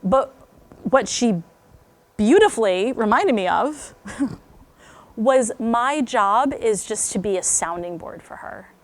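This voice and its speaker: A woman's voice: fairly high pitch, lively intonation, slow, pauses often. A middle-aged woman speaking candidly to a group of parents, talking in a chatty, conversational way that drops to near whispers for asides. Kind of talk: parent talk to a live group.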